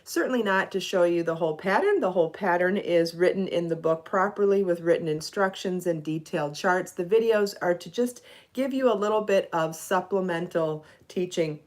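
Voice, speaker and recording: Speaking at a moderate pace in a lowish voice, this middle-aged host sounds a bit stuffy from allergies. She designs knitting and crochet patterns and chats casually on her live podcast, welcoming viewers by name.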